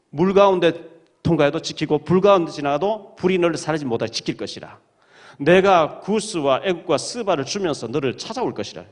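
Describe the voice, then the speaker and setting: A male pastor preaching a sermon in a church, reading scripture aloud and retelling the stories with dramatic emphasis. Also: a little high. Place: church sanctuary.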